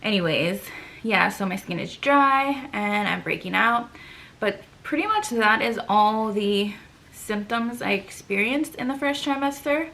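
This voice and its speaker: A woman's voice: medium pitch, expressive, measured pace, creaky, sharp tone. A young woman vlogger chatting casually to camera, out of breath, with lots of fillers and sighs.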